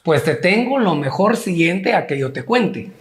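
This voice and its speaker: A man's voice: high voice, big pitch swings, measured pace, a crowd in the background. A man from Guatemala co-hosting a casual talk show, playful and joking, rambling with many restarts. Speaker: co-host.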